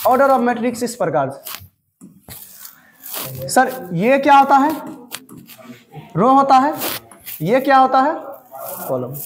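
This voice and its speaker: A man's voice: very high-pitched, very animated, slow pace, long pauses. A man teaching a maths class, repeating terms word by word and often asking if the students have understood. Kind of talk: slow classroom lecture.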